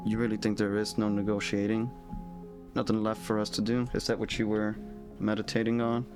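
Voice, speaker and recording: A man's voice: fairly low pitch, little pitch movement, brisk. Sarcastic man role-playing a defiant character. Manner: defiant, sarcastic, laughs a lot. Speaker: player. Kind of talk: in-character tabletop role-play. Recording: music playing behind.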